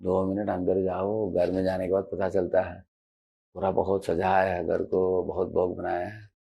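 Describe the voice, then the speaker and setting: In a low, husky voice with vocal fry, this man lectures at a moderate pace with a completely flat delivery, and the recording's highs are cut off. He is a spiritual teacher explaining slides on assertive speech in a relaxed devotional talk, mixing English words into Hindi, saying "haan" often and performing short quoted examples.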